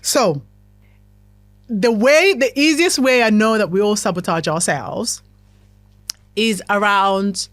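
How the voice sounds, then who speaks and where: Taking it slowly and pausing often, a woman with a mid-range voice hosts a motivational self-help podcast. She's talkative and keeps checking in with whoever is listening, and no room sound is audible.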